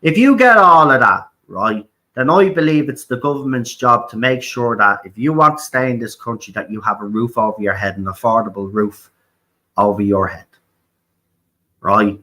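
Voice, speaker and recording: An Irish talk show host speaks in a bright, forceful mid-range voice at a moderate pace, captured on a low-quality recording. Delivering opinionated political talk, he is blunt and repetitive, swears, and keeps asking "right?".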